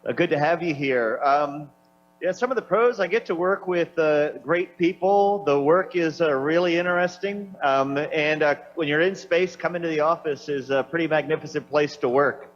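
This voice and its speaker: A man's voice: on the high side, moderate pace. A man answering questions as an astronaut over a radio downlink, unscripted and searching for his words. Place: aboard a space station. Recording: slightly dull downlink with faint hum.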